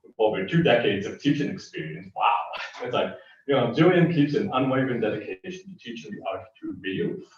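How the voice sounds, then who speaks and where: A man acting as guest host, introducing a poet on stage in a halting way, with many restarts. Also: medium pitch, lively intonation, very echoey, distant mic, highs cut off. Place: live poetry event venue.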